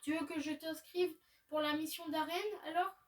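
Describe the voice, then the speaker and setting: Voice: sits high, fairly even intonation, moderate pace, distant mic, soft background music, natural voice. A gamer reading aloud a polite receptionist who explains the rules of a video game tournament. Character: polite formal league receptionist.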